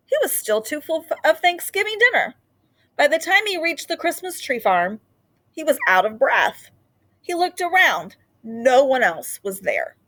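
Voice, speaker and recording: Using a high voice, a woman expressively reads a children's picture book aloud as if telling a story.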